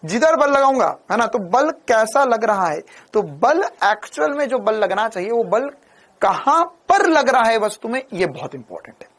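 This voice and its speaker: A man's voice: extremely high pitch, very animated, measured pace, fairly bright tone. A young man teaching a physics class in a casual, chatty way, talking to students like friends. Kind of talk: casual Hindi lecture.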